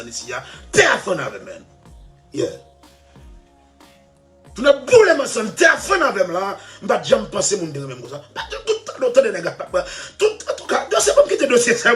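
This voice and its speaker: A man telling a story about playing music, laughing, shouting at times and dropping to mutters. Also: sits high. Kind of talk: animated storytelling rant. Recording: faint music behind.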